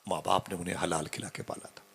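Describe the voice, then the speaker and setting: Deep gravelly-voiced man preaching. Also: steady tone, fast. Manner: swells to loud peaks then drops to hushed tones. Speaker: Islamic preacher. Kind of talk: emotional sermon storytelling.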